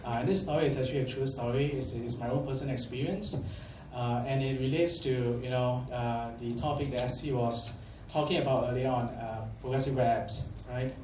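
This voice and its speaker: Speaking in a steady, mid-range voice, slightly fast and with hardly any pauses, a young Malaysian man delivers a relaxed conference talk on tech. He chats along with plenty of fillers and keeps quizzing the audience. The hall is echoey, the microphone is far off, and a faint background hum is present.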